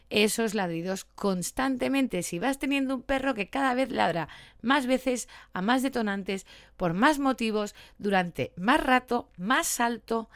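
Animated woman dog trainer, dry sound. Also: fairly high pitch, dry recording. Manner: lively, animated, acts out short quoted lines. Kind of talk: casual educational talk.

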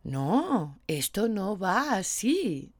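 A woman's voice: mid-range voice, sing-song, extremely slow, no echo, studio quality. A woman with a Spain Spanish accent, a dog trainer explaining her views to followers in an empathetic, persuasive way.

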